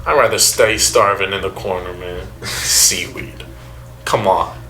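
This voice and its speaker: A man's voice: low voice, fairly even intonation, measured pace, crowd noise. A young man co-hosting a podcast, telling stories in casual, profane chat with mock voices. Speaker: podcast co-host. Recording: faint background noise.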